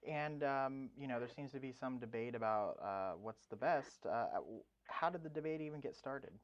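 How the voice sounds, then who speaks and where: A man hosting a radio interview, asking questions in a relaxed, joking way. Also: medium pitch, moderate pace, dull audio. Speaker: radio host.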